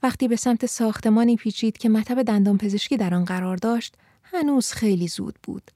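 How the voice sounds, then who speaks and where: A woman narrating an audiobook in a calm, measured reading voice. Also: a little high, dry recording, studio quality. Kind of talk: audiobook storytelling.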